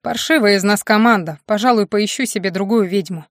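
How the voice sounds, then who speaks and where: A woman's voice: medium pitch, fairly quick, dry recording, clean studio sound, lightly acted. A woman reading the lines of an angry, resentful young male werewolf bear in an audiobook, with a scornful, accusing delivery. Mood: furious.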